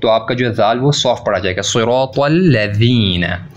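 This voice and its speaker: A man giving a recitation pronunciation lesson, slowly stretching out words to demonstrate sounds and contrasting right and wrong forms. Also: fairly low pitch, highs cut off. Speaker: Quran recitation teacher.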